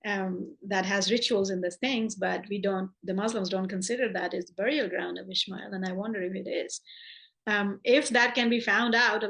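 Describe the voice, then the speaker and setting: A woman's voice: mid-range voice, vocal fry, fairly bright tone. Woman teaching a class, chatty and unscripted. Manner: conversational, many restarts, acts out quoted dialogue. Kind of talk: informal class lecture.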